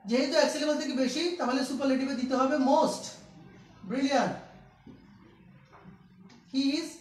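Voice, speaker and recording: A man's voice: very high voice, moderate pace, a little mellow, a little hiss or hum. A man teaching an English grammar lesson, repeating key steps and asking his students questions. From Bangladesh. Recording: echoey room, distant mic.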